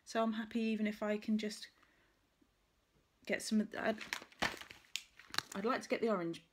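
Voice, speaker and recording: A woman vlogger in a noisy setting talks casually to the camera about her stitching projects, thinking aloud, rambling, and correcting herself. Her mid-range voice barely shifts in pitch, and she keeps a moderate pace.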